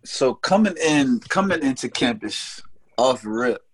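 A man's voice: mid-range voice, animated, a little slow, slightly rough, no echo. A young man talking casually about his faith and his college years, often adding "you know what I'm saying". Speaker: guest.

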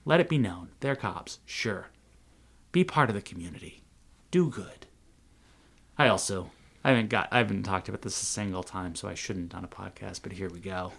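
A man's voice: deep voice, normal speed, gravelly, fairly bright tone, breathy edge. A man running for city council, talking casually and sarcastically in a podcast interview, often laughing at his own jokes.

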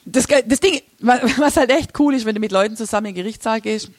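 Woman teaching a church group, chatty and informal, kinda high voice, dry close sound. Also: quick pace, no room sound. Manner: chatty, informal, laughs often, many restarts. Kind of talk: casual teaching talk with slides.

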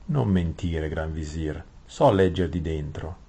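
A man reading an audiobook voices a cold, calculating old king who speaks slowly and gravely. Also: extremely low pitch, dark tone, exaggerated voice. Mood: grave, commanding.

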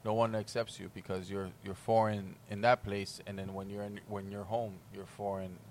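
A man's voice: fairly low pitch, little pitch movement, normal speed, a little hiss or hum. A man from Hispaniola, a podcast guest talking casually and explaining things at length, with lots of "like". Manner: rambling explanations peppered with "like".

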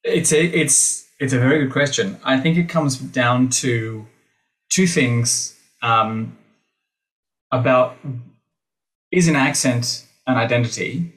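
A man's voice: medium pitch, takes it slowly, fairly bright tone, low-quality recording. An Australian man, an actor and voice teacher, talking through ideas in a podcast interview with many restarts, acting out the teachers he quotes. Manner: thoughtful, full of restarts, acts out quoted teachers.

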